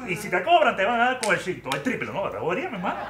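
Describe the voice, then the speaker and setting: A man playing a sly, coaxing schemer who talks in quick slang. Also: sits high, huge pitch swings, a bit bright, reverberant, heavily acted. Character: sly Cuban man claiming an inherited house.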